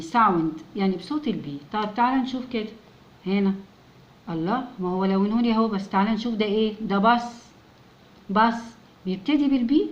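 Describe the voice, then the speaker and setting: A woman with an Egyptian Arabic accent leads a lesson for young children at a middle pitch. She is patient and says each word slowly, more than once, so the children can repeat it. The recording sounds a little dull and lo-fi. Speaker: English teacher.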